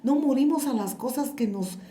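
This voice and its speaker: Woman pastor, Guatemalan accent, warm soft voice, storytelling sermon. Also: high voice, lively intonation, normal speed, reverberant. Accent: Guatemalan Spanish. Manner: storytelling, addresses the congregation directly. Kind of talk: sermon with testimony.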